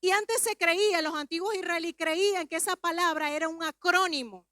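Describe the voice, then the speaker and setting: A woman preacher giving a Pentecostal sermon, teaching calmly, then rising to shouted fervor. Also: very high-pitched, moderate pace, no echo, clean studio sound.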